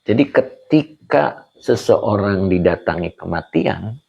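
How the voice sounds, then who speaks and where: A deep, gravelly male teacher leads a live-streamed religious lesson, reading viewer comments aloud and quizzing them. He explains Arabic grammar slowly and patiently. The audio is dull and lo-fi. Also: lively intonation, darkish tone. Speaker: Islamic teacher.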